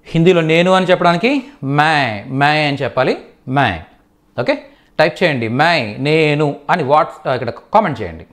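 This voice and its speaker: Telugu-accented man teaching an online class. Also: on the high side. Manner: slow, repeats words for learners to copy; reads out students' names with praise. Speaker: Hindi teacher.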